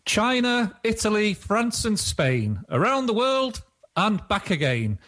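Man playing a lively, boastful quack doctor. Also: high voice, slow pace, heavily acted. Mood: boastful, cheerful. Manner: showy patter, declamatory. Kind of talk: comic mummers' folk play, declaimed.

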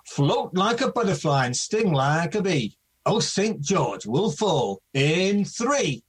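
A man's voice: on the high side, big pitch swings, slow, breathy edge, heavily acted. A man playing a boastful, menacing Turkish knight, the comic villain of a declaimed folk play. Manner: swaggering, declamatory.

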